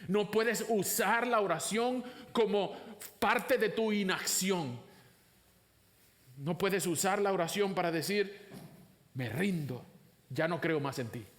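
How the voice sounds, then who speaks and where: Putting rhetorical questions to his congregation, a pastor delivers a sermon where his voice soars high for emphasis before dropping down low and slow.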